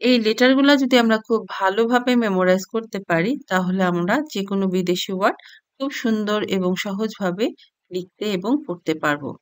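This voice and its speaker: A woman's voice: mid-range voice, no room sound. A woman teaching a language lesson, reading syllables out one by one from a chart. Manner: reads sounds one by one, clear and unhurried.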